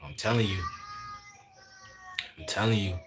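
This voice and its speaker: A man's voice: low voice, a little slow, background noise. Young man preaching casually on livestream. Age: 20s. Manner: preachy, repetitive, sprinkles in "man" and "y'all". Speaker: livestream host.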